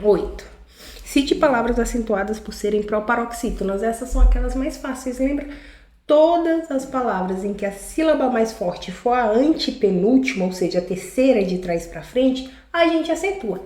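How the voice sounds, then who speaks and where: A Brazilian woman teaches a grammar lesson in a fairly high voice. She explains step by step with a Brazilian Portuguese accent, often checking that her students follow. The recording has an echoey, roomy sound. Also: expressive, moderate pace, darkish tone. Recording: echoey room.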